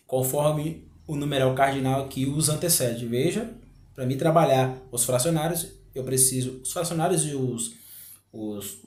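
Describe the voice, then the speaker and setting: A man teaching a grammar lesson, explaining slowly, repeating words and asking rhetorical questions. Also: medium pitch. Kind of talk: grammar lecture. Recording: echoey room.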